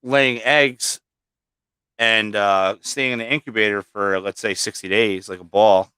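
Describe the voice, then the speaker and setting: A man talks loosely about his reptiles, sprinkling in swear words and fillers. His voice is bright and clean, with a crisp edge. The sound is dry, with no room echo. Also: fairly low pitch, fairly even intonation, unhurried. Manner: casual, swears often, many fillers. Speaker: livestream host and snake breeder. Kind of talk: casual chat.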